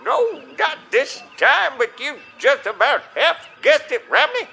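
A man playing a gruff, blustering old commodore who sounds like a grubby prospector, barking folksy orders in a comedy audio sketch. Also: very high-pitched, sing-song, measured pace, bright, forceful tone, faint music behind, full character voice. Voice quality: gravelly, twangy old-timer bark.

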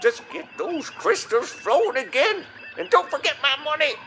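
A man playing a gruff, blustering old commodore who sounds like a grubby prospector, barking folksy orders in a comedy audio sketch. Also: extremely high pitch, very animated, normal speed, sharp tone, slight background noise, heavily acted. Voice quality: gravelly, twangy old-timer bark.

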